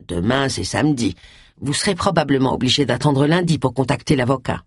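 A reader voicing an older man, a cautious and worried friend, in an audiobook, lowering the voice and speaking with apprehension. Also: lively intonation, fairly quick, slightly rough, no room sound, clean studio sound. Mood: practical. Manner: hesitant, apprehensive.

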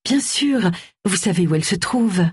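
A woman voicing a kind, gentle vicar's wife who speaks softly and sympathetically. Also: mid-range voice, expressive, moderate pace, husky, no echo, studio quality, pitched above the performer's own voice. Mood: friendly.

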